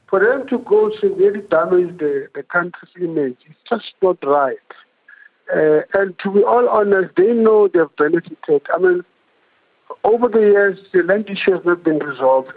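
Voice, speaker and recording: A man comes through a clipped, tinny phone line. He speaks firmly and with conviction, but keeps stopping and restarting his phrases. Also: high-pitched. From South Africa. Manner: halting, restarts phrases, firm and indignant. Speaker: caller to a TV panel show.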